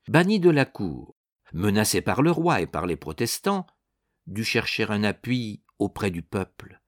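A man giving a measured, emphatic scripted reading of a historical text as an audiobook narrator, slowing on stressed phrases. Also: medium pitch, dry recording, clean studio sound.

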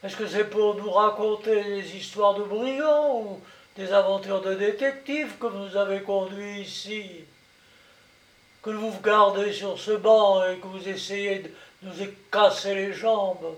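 A man's voice: high-pitched, steady tone, measured pace. A man reading aloud voices an indignant male prisoner protesting his treatment. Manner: protesting, exasperated. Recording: roomy, distant, dull sound.

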